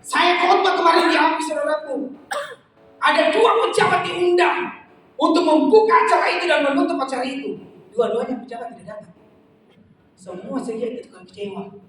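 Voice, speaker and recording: A man's voice: very high-pitched, moderate pace, distant mic, slight background noise. A man preaching a sermon, telling stories and acting out conversations. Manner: storytelling, animated, quoting dialogue. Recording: echoey hall, picked up from afar.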